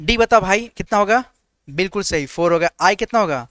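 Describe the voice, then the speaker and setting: Man, reasoning teacher, high smooth voice, dry close sound, call-and-response drilling. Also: lively intonation, fairly bright tone, dry recording. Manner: rapid call-and-response drilling, asks letter values and answers himself; repeats "ठीक है" as a filler. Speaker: reasoning teacher for government exams. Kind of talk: online exam-prep class.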